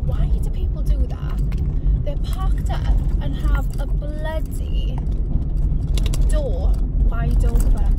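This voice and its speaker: A young woman in her twenties with a British accent, rambling casually to camera while driving her car, filmed on a dashboard phone. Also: on the high side. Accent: British English. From England. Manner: rambling, chatty, lots of fillers. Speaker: vlogger. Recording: distant mic with loud road noise. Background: car and road noise.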